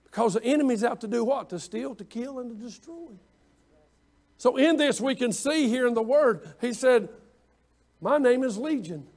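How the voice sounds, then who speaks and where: A man's voice: very high voice, moderate pace, a little mellow. A man preaching a sermon as pastor in a church, building to emphatic swells with repeated phrases. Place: church sanctuary.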